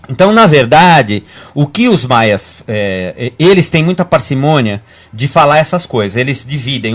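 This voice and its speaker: A Brazilian man, a guest medium, talking fast in a rambling way with many restarts on a web radio show. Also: on the high side. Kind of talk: casual radio talk.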